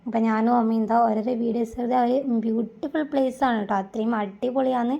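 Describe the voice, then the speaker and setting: High creaky-voiced Malayali woman mixing in English. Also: steady tone, quick pace, warm tone, lo-fi sound. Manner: mixes English words into Malayalam. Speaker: vlogger narrating a hill trek. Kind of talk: casual vlog narration and chat.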